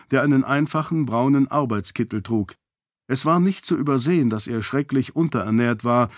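A man narrating a story in a steady, even storytelling manner. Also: mid-range voice, dry recording, studio quality. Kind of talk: audiobook narration.

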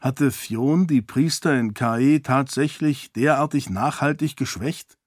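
A man reading a fantasy audiobook in a calm, measured narration. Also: medium pitch, dry recording, clean studio sound.

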